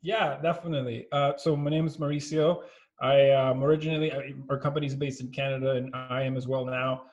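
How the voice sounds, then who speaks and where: A man in his thirties from Venezuela, a company founder, explaining things in a measured way as an interview guest over a video call. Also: medium pitch, fairly even intonation, dull audio. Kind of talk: casual interview.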